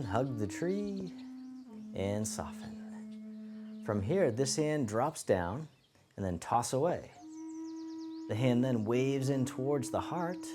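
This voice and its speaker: A man teaching tai chi, cueing each movement step by step in a gentle, encouraging, unhurried way. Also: mid-range voice. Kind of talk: guided movement lesson, calm step-by-step cueing. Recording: music playing behind the voice. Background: music.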